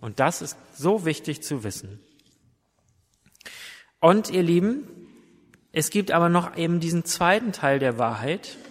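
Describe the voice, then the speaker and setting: A man's voice: on the high side, sing-song. Man preaching, earnest sermon, long reverb of a big hall. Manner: slow, earnest, addresses listeners warmly.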